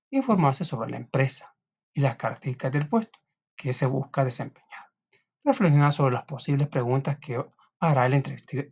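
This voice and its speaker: A man with a Salvadoran Spanish accent who teaches a class, reading from a text aloud and often checking in with his students. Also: medium pitch. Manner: reads aloud, with frequent tag questions and restarts. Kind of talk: recorded classroom lesson. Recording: dull lo-fi recording.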